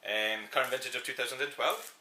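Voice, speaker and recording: A man from southern Italy chatting casually about a wine, animated and rambling with restarts. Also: mid-range voice, quick pace, reverberant, low-quality recording. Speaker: wine importer. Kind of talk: casual wine tasting chat.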